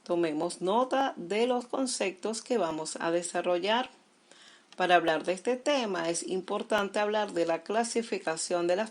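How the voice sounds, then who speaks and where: Middle-aged woman teacher from Venezuela, unhurried and deliberate, leaning on each syllable. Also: lowish voice. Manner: slow, deliberate explaining, stressing syllables. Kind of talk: recorded language lesson.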